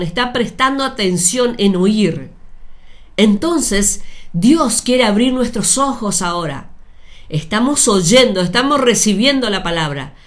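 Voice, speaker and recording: A woman preaching a sermon, speaking deliberately with repeated phrases and addressing her listeners directly. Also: medium pitch.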